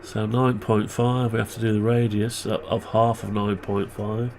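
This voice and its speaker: A man's voice: fairly low pitch, flat delivery, normal speed, creaky, a little mellow. A man with a muffled, blocked-nose voice, tired and stuffed up with flu, rambling as he thinks aloud through a casual hobby tutorial. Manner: rambling, muttering to himself. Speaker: hobbyist presenter.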